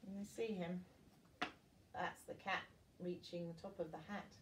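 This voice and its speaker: Heard from a distance in an echoey room, with slight background noise, an older woman reads a bedtime story to little ones the way a grandmother would, pausing for small asides. Her voice sits lowish and stays steady, fairly bright in tone, and she reads a little slowly but with expression.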